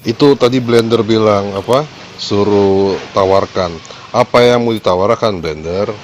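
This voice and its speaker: A very low-voiced man giving a measured, cautionary argument and pausing on hesitant fillers. A faint background noise sits behind him.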